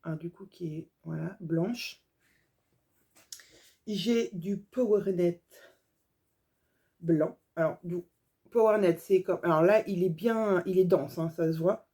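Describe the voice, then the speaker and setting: A woman's voice: fairly low pitch, takes it slowly, long pauses, dark tone. A woman sewing vlogger chatting casually through a haul video, gushing over small details with lots of fillers.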